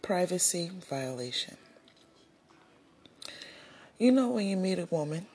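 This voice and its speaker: Low, slow-talking woman podcast host. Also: very animated. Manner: unhurried, earnest, with soft laughs and quiet breathy asides. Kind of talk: faith-tinged motivational podcast monologue.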